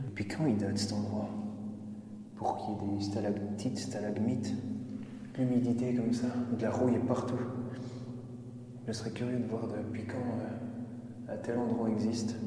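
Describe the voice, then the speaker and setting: A man's voice: mid-range voice, steady tone, moderate pace, mellow, a little hiss or hum. Man's voice drowned in cathedral echo. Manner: nervous, joking, talking to viewers. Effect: cathedral-like echo from the concrete rooms. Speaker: urban explorer filming a video. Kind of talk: vlog narration while exploring. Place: underground bunker in a forest. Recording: echoey underground bunker, long reverb, faint ambience.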